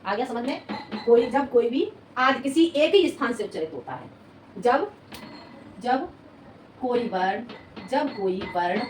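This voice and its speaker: A woman teaching a Hindi grammar class, repeating words slowly as she dictates notes and asking her students rhetorical questions. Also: on the high side, animated. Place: coaching classroom. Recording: echoey room, mic at a distance, faint noise.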